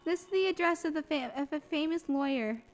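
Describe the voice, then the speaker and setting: A woman's voice: high-pitched, brisk, faint music behind, voice pushed up, lightly acted. A woman voicing an earnest young female spirit medium in training, reading game dialogue in a raised, polite, pleading voice.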